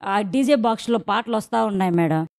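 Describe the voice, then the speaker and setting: A woman's voice: medium pitch, fairly quick, darkish tone, no echo, clean studio sound. A young woman, earnestly recounting her pregnancy as an interviewee. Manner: addresses interviewer as madam constantly, earnest. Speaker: patient interviewee. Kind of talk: interview testimony.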